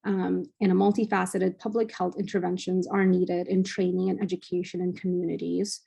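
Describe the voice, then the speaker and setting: A young adult woman, a cardiology fellow, giving an academic journal club presentation in a measured way with frequent filler sounds. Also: on the low side, flat delivery, vocal fry, dark tone, slightly rough.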